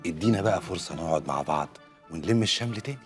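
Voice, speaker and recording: A man's voice: sits low, animated, very fast, soft background music. An actor with an Egyptian accent playing a man posing as an education doctor who coaxes and placates his arguing colleagues in a comedy TV series. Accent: Egyptian Arabic. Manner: coaxing, placating, mocking asides. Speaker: mediator in a staff dispute.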